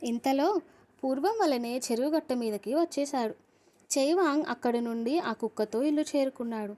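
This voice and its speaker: Female audiobook storyteller, friendly, slightly high voice, folk tale reading. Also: moderate pace, mellow. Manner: friendly, addresses listeners as friends.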